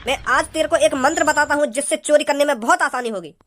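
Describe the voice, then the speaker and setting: A greedy gang boss, voiced by a performer who lectures in a bossy way and keeps repeating himself. The voice is high and the delivery is fast. He sounds like a comic-sketch villain. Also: background noise, natural voice.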